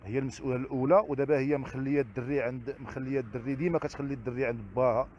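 A man with a Moroccan Arabic accent, answering interview questions as a father, halting and repeating the same phrases. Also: medium pitch, fairly even intonation, a little mellow, highs cut off, a little hiss or hum. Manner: repetitive, halting, keeps circling back to set phrases. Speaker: interview guest, father seeking custody.

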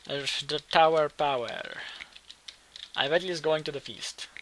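A young man giving excitable gameplay commentary, muttering one moment and yelling the next. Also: a little high, unhurried, slight background noise. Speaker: gaming video creator. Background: keyboard and mouse clicks.

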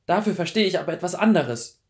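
A man voicing a desperate, defiant teenage girl in an audiobook, speaking high and loud with urgent pleading. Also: animated, quick pace. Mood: bitter.

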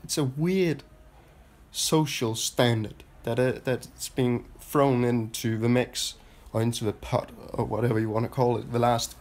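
This is a Danish-accented man in his twenties from Denmark, congested with a cold, vlogging a halting personal monologue to camera with many restarts and filler sounds. His mid-range voice has a steady, darkish tone, captured by a phone held at arm's length in a small room.

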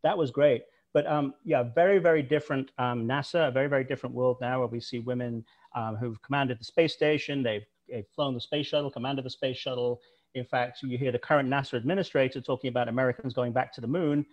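A man's voice: mid-range voice, fairly even intonation, fast, dull audio. A man speaking as a guest on a video call, telling history anecdotes in an enthusiastic, storytelling way. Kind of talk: storytelling talk.

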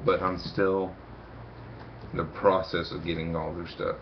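A young man talks into a webcam in a small room, his voice deep and slow. He rambles, stumbling and repeating words as he reads aloud. The sound is dull and lo-fi, with faint noise underneath. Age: young adult. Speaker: video reviewer. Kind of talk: casual to-camera review.

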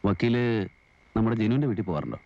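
An actor playing a quiet, brooding man in a film, who speaks softly and sadly. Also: fairly low pitch, animated, quick pace, vocal fry. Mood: subdued. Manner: soft-spoken, subdued. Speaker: film character. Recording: dull old film soundtrack.

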